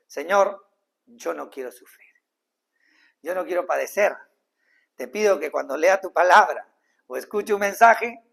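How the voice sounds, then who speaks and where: Male pastor, sermon delivery, gravelly and earnest with big swings in volume. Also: high-pitched. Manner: earnest, with sudden loud rises and soft drops; acts out little dialogues in changed voices.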